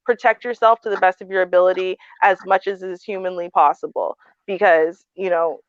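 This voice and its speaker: A woman's voice: on the low side, fairly even intonation, brisk, clean tone, dry recording. A woman speaking bluntly and frankly in a casual panel discussion, full of "um"s and "like"s. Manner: blunt, frank, frequent fillers. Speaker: panel host. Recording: dry, dull lo-fi audio.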